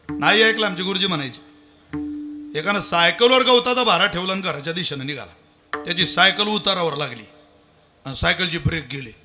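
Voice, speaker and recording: A male kirtan preacher talks in a very bright, fairly high voice. He tells stories with humor and chants scripture verses. A faint instrument plays behind him. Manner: animated, humorous, quotes scripture. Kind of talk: devotional kirtan sermon with storytelling.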